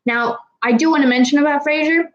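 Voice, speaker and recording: A woman's voice: sits high, quick pace, highs cut off. Tipsy young woman rambling to chat. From Kazakhstan. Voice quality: trouble pronouncing R sounds. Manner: rambling, casual and frequently swearing. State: slightly tipsy. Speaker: streamer answering chat. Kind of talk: casual live Q&A chat.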